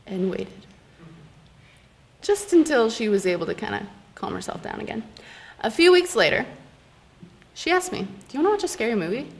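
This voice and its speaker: A young woman telling a funny personal story on stage at a live storytelling event, animated and laughing often. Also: medium pitch, gravelly, slightly rough. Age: young adult. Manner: animated, laughing, dramatic pauses. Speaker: student storyteller.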